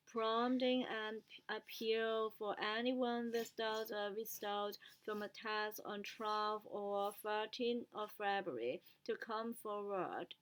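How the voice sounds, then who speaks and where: A woman whose native language is Chinese practises her English by reading the news aloud, pausing haltingly and repeating words. Her voice is mid-range, and the audio is poor.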